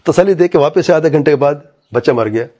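Husky-voiced man telling a sermon story. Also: fairly high pitch, dark tone. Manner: retells anecdotes vividly, quoting each person. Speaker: preacher. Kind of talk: religious talk with told stories.

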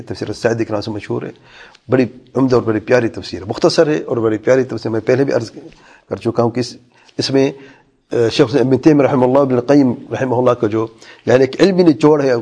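A man's voice: medium pitch, dark tone, slightly rough. A man teaching a religious lesson, reading lines of an old text aloud and then explaining each one, often asking his listeners questions. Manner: reads lines in Arabic then explains them, with rhetorical questions.

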